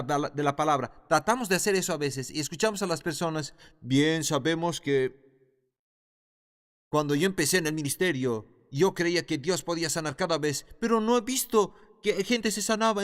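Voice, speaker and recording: A man's voice: fairly high pitch, a bit bright. A man teaching a Bible class in a sermon style, emphatic and repeating his key phrases. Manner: emphatic, repeats phrases, rising when stressing points. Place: church or classroom hall. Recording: echoey hall reverb.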